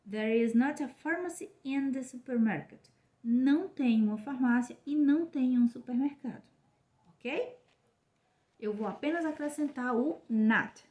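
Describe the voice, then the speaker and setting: This woman, who has a Brazilian Portuguese accent, is an English teacher recording a lesson for children. She explains slowly and clearly, moving back and forth between Portuguese and English. Her voice is on the high side with a darkish tone.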